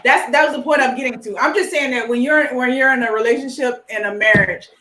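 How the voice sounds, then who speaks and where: A high-voiced woman co-host in a casual panel chat, picking her words slowly with frequent ums. The sound is roomy and echoey. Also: bright, forceful tone. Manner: hesitant, measured, many fillers. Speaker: podcast co-host. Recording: echoey room.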